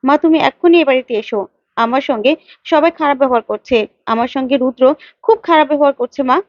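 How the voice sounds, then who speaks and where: Brief: a woman doing a sulky, quarrelsome young wife, high voice, dull lo-fi sound. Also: fast, dry recording, lightly acted. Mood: pleading. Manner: indignant, repeats herself, pleading to her mother. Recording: dull lo-fi, dry.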